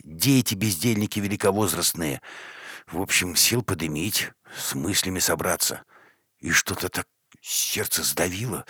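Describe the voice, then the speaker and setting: A man's voice: low voice, bright, forceful tone, breathy edge, dry recording, studio quality, voice pushed up, heavily acted. A man voicing a confused, defensive middle-aged working man in an audiobook story.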